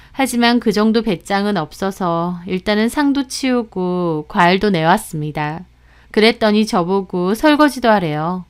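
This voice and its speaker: A young woman calmly narrating a first-person story in a conversational tone. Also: medium pitch, smooth.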